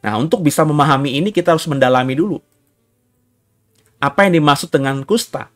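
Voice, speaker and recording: A man's voice: a little high, quick pace, fairly bright tone. A man pastor preaching a sermon, reading scripture aloud and acting out the cries of the people in it. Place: church hall.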